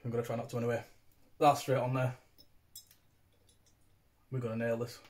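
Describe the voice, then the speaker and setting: Filming on a phone propped at arm's length in a small room of his home, a British beer reviewer in his thirties gives an informal, chatty review to camera for his vlog. He speaks at a normal speed in a monotone, medium-pitched voice with a darkish tone.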